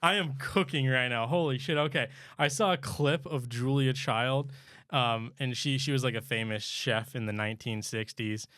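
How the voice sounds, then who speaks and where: A man's voice: medium pitch, moderate pace, a bit bright, no echo, studio quality. A man co-hosting a podcast, swapping loose, profane stories in casual chat and laughing often. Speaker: podcast co-host. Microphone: close studio mic.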